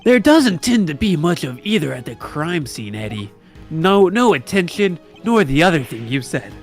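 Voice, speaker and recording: A dry, sarcastic young investigator who mocks his partner with a deadpan delivery, as a man voices him in an improvised fan dub. His pitch swings widely through each line, and a gravelly fry runs under the voice. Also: normal speed, soft background music. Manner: deadpan, mocking, teasing.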